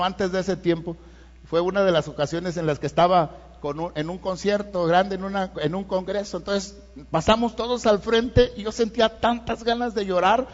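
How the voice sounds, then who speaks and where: A middle-aged man with a Mexican accent delivers a sermon in a conversational way, checking in with his listeners as he goes. His voice sits high for a man. The sound is muffled and dull, and it trails off in the long reverb of a big church hall. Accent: Mexican Spanish. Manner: conversational preaching with frequent "¿verdad?" asides. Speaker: pastor.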